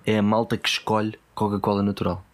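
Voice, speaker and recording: A man's voice: on the low side, level tone, a little fast. A man with a European Portuguese accent chatting casually and playfully as a podcast co-host, with a teasing manner. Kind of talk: casual comedic chat.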